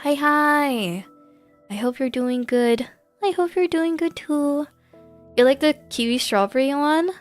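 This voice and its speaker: A woman live streamer chats casually during a gaming stream, giggly and rambling, with background music playing behind her. Her voice is high-pitched and she speaks at a measured pace.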